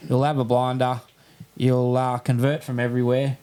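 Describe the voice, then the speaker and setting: Australian male podcast co-host, dark relaxed voice, casual repetitive footy chat. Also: mid-range voice, moderate pace, clean tone. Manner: repetitive, stumbling, often says "you know what I mean". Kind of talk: casual rugby league fan chat.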